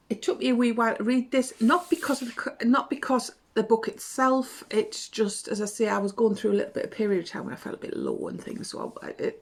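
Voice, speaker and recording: Woman rambling about her reads on camera, a bit of a cough, keeps correcting herself. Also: medium pitch. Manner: chatty, rambling, self-correcting. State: has a cough. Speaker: booktube vlogger. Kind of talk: casual book chat to camera.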